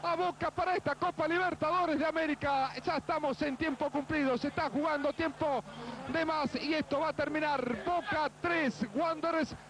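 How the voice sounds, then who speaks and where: A man giving live football commentary in an excitable, emphatic way on an old television broadcast. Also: very high-pitched, normal speed, rough recording. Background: clear stadium noise.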